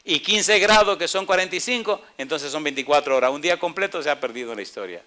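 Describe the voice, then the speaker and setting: A male pastor preaching with a bright, somewhat high voice. He fires questions at the congregation and acts out the people in his story with playful voices. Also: expressive, fast. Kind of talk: sermon.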